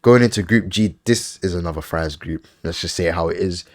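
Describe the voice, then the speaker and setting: Low-voiced man running a casual podcast. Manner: runs through lists briskly, offhand opinions. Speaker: podcast host. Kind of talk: casual football chat.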